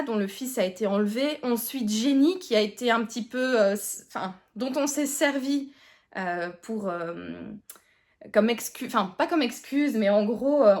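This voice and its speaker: A woman's voice: a little high, darkish tone. Chatty young woman. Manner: chatty, rambling, many fillers and restarts. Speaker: book vlogger. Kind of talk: casual chat to camera.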